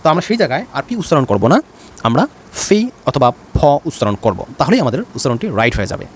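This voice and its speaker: A man from Bangladesh with a Bangladeshi English accent, teaching a pronunciation lesson by slowly saying words one at a time and repeating each. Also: mid-range voice, big pitch swings, slight background noise, rough recording.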